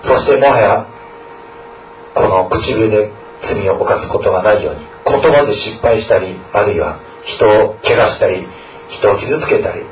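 A man's voice: lowish voice, a little hiss or hum. A man, a school chaplain, praying and preaching to students in an earnest way, often adding a questioning tag to his sentences. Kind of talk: scripture reading, prayer and sermon. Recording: echoey room, distant mic.

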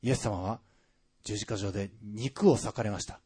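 A man's voice: fairly low pitch, normal speed, mellow, husky. A man preaching a sermon, speaking expressively with frequent rising emphasis and conversational asides to the congregation. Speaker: pastor.

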